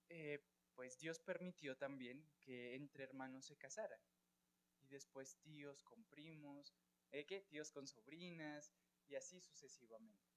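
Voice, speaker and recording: High-voiced Colombian man teaching Bible class. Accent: Colombian Spanish. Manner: asks students questions, checks with "¿sí?" and "¿listo?".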